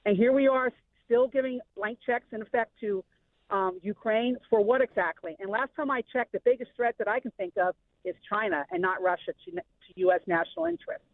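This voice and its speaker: A woman's voice: a little high, brisk, dry recording. Wry woman caller on a tinny phone. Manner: pointed, wry and skeptical. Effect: caller on a phone line. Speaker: radio show caller. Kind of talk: call-in comment. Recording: tinny phone line, dry.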